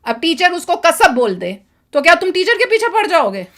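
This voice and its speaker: Woman, from India, vlog host, high voice, chatty, speculative, thinks aloud. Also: big pitch swings, normal speed, a bit bright. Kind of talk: casual commentary in Hindi mixed with English.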